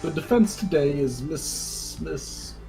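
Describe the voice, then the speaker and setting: Older male judge, stern and doubtful, animated delivery; man voicing in his own voice. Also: fairly high pitch, gravelly, faint music behind, heavily acted. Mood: questioning. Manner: unhurried, questioning, his own plain voice.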